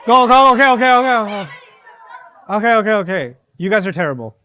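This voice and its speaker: A man's voice: high voice, big pitch swings, fast, pushed and bright, a faint crowd, slight background noise. A man giving an interactive religious lesson to young people in a mosque, playful and teasing, acting out bits of dialogue. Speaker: teacher of young audience.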